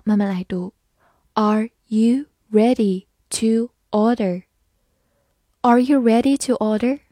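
A woman teaching English vocabulary in a slow lesson, spelling words letter by letter and repeating them slowly for learners. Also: on the high side, a little mellow, no echo, studio quality.

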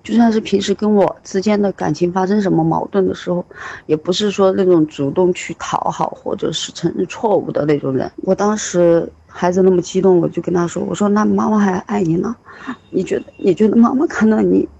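Here is a mother telling a painful family story in a halting, emotional way. Her voice is gravelly with creak and sounds husky and rough. She keeps acting out the dialogue she quotes. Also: mid-range voice, mellow, dull audio. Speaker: mother of a troubled teen. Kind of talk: recorded personal account.

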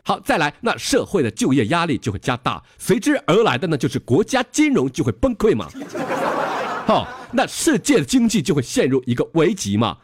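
A man's voice: fairly high pitch, wildly swooping pitch, a little fast, husky. Rowdy Northeastern man telling jokes. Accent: Northeastern Mandarin. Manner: rowdy, mock-lecturing, laughs at his own jokes. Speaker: comedy podcast host. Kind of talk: comic storytelling in dialect.

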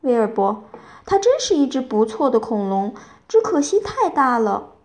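A woman reading aloud, voicing a cheerful, excitable female witch who keeps exclaiming eagerly. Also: fairly high pitch, moderate pace. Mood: excited.

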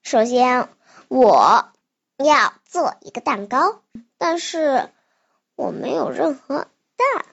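A child of about nine works through a storybook aloud. The voice is high, the pace slow and halting. The sound is slightly dull and lo-fi. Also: very animated, creaky, a bit bright. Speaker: young student retelling a storybook. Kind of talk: reading aloud and translating sentence by sentence.

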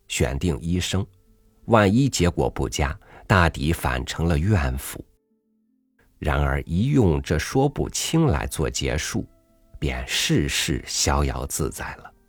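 A man narrating a literary story in a measured, reflective reading. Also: rumbling low, no echo.

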